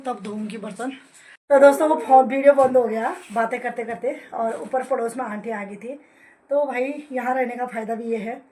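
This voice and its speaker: A woman's voice: a little high, slight background noise, rough recording. A young woman, vlogging her daily routine at home in a chatty way and often laughing as she talks. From hill region of north India. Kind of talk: casual daily-routine vlog. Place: at home, indoors and outside in the sun.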